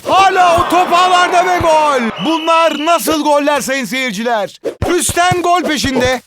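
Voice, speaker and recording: High-pitched screaming football commentator. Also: male voice, over loud music. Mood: excited, screaming. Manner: shouted exclamations, drawn-out goal calls. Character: excitable male football match commentator in an arcade video game.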